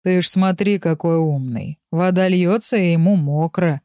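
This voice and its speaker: A calm, dry-witted male character makes sarcastic remarks in an even voice, as a woman reader puts him on. The storybook reading is close and dry, with no room sound. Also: fairly low pitch, normal speed, no room sound, lightly acted.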